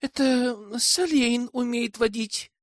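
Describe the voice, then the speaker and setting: A male narrator voicing an airy, dreamy young woman in an audiobook, breathy and sighing. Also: very high voice, very animated, measured pace, fairly bright tone, dry recording, clean studio sound, pitched above the performer's own voice, heavily acted.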